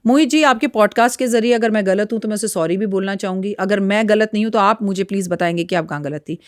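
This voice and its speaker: A woman's voice: mid-range voice, fast, no room sound, studio quality. A woman astrologer speaking as a podcast guest, frank and lecturing in a blunt, outspoken way. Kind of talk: podcast interview talk.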